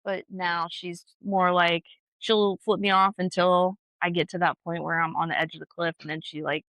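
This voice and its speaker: Thirty-something woman on a podcast, swears a lot, tells stories all animated, dry close sound. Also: lowish voice, moderate pace, dry recording. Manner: blunt, swears freely, animated storytelling. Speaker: podcast co-host. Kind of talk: casual chat.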